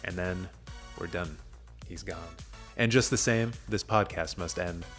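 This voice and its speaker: With soft music in the background, a podcast host jokes about films in a casual, self-deprecating way. His voice is low and fairly bright, and he keeps a measured pace.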